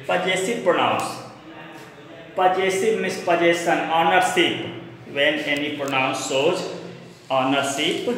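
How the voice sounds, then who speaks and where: A man's voice: a little high, sharp tone. A man with an Indian English accent teaching grammar, often repeating terms and spelling words aloud. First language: Hindi. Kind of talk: classroom grammar lesson. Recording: echoey room with long reverb, faint noise.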